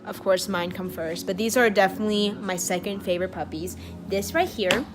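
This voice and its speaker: A woman's voice: mid-range voice, fairly quick, music in the background. Chatty young woman vlogging, rambling. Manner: rambling, self-deprecating, with many fillers. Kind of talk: casual vlog chat.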